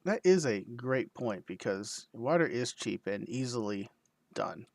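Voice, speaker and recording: A man co-hosting a ham radio livestream in casual chat. He is easygoing, often makes soft-spoken asides and laughs readily. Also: mid-range voice, expressive, unhurried, vocal fry, no echo. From United States.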